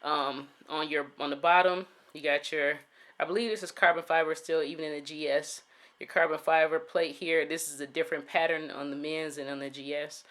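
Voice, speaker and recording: A man's voice: on the high side, level tone, brisk, a bit bright. A man giving a casual sneaker review, laid-back and full of "um" fillers, talking straight to his viewers. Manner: laid-back, many "um" fillers, talks to "you guys".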